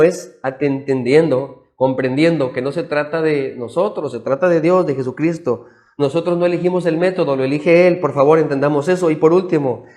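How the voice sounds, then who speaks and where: A man, a pastor preaching a sermon with emphatic storytelling that drops to quiet, soft tones. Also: a little high. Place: church, streamed live.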